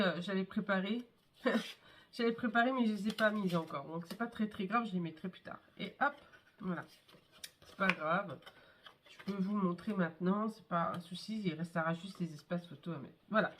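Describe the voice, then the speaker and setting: A scrapbooking vlogger with a cold sounds congested as she shows off her albums in a casual show-and-tell craft video. Her medium-pitched, slightly bright voice is chatty and hesitant, full of fillers, pauses and "hop, voilà", with slight background noise.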